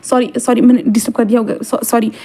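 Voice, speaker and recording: A woman voicing a shy young man who stammers quietly, hurt and jealous. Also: a little high, little pitch movement, quick pace, lightly acted.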